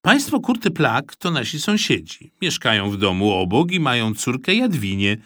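A man narrating a children's storybook aloud in a lively, expressive manner, recorded close on a studio mic. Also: medium pitch, normal speed, dry recording. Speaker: audiobook narrator.

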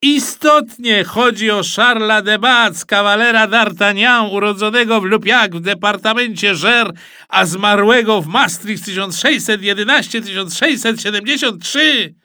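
A showy quiz host on the radio, all grand announcements and jubilant shouts, as a male storyteller puts him on. The voice sits high and sharp, swooping with lively pitch, and the reading is close and dry. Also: measured pace, dry recording, full character voice. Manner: booming, theatrical announcing.

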